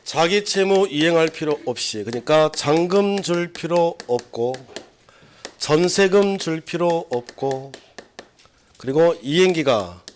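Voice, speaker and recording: A middle-aged man lectures a classroom on civil law. His pitch sits a little high, and his voice swings widely as he acts out examples. He keeps firing questions at the students. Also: lively intonation, takes it slowly, slight background noise. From South Korea.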